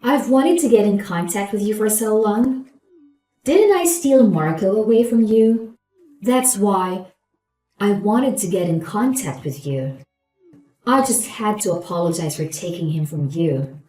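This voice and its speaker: A woman's voice: medium pitch, expressive, unhurried, mellow, reverberant, faint music behind, natural voice, low-quality recording. A woman acting a gloating, falsely polite new wife in a scripted story, with a saccharine, condescending manner. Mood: falsely gracious.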